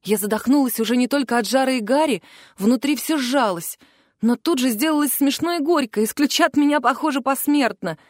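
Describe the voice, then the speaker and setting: A woman narrating a first-person fantasy audiobook in an expressive, emotional way. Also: high voice, a little fast, dry recording, clean studio sound.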